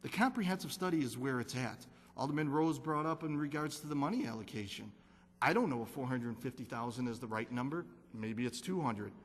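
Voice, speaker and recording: A man's voice: mid-range voice, animated, a little fast, husky. A man serving as a city council alderman, giving an earnest, repetitive speech at a council meeting and insisting on data. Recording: council chamber with long reverb.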